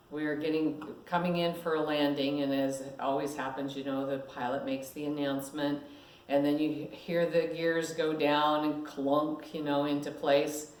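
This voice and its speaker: Low-voiced woman minister, echoey room. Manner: animated storyteller, laughs at herself. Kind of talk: sermon with personal storytelling.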